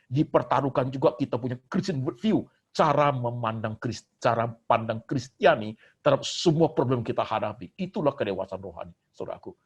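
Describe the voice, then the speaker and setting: Older pastor guy preaching, husky voice, goes loud and pleading then drops real quiet, tosses in english bits. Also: muffled recording. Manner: swings between loud emphatic exhortation and soft, low asides; mixes English phrases into his preaching. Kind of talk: sermon.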